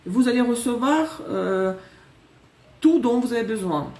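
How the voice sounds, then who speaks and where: A woman's voice: on the high side, expressive, unhurried, mellow, roomy sound, far from the mic. A woman from Russia with a Russian accent, chatting casually through a live tarot reading, correcting herself and joking as she goes. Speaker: tarot reader.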